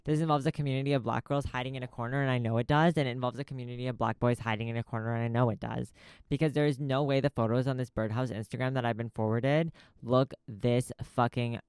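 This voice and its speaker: A man hosts a casual podcast from a small recording studio, talking in a loose stream of consciousness. He swears freely and jumps from thought to thought in a long info dump. His voice is smooth and resonant at a middle pitch, recorded dry and close. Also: no room sound. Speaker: podcast host. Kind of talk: casual rambling monologue.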